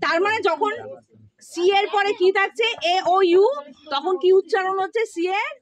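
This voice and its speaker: A woman's voice: very high-pitched, normal speed. A woman teaching a classroom phonics lesson, quizzing the children with repeated questions and prompts.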